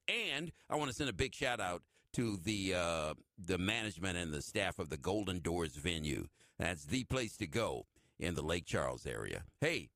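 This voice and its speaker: A man with a lowish voice hosts a radio show in a smooth radio host manner. His delivery is animated, rising and falling widely as he talks between songs. The sound is dry and close, as from a studio microphone. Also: no echo.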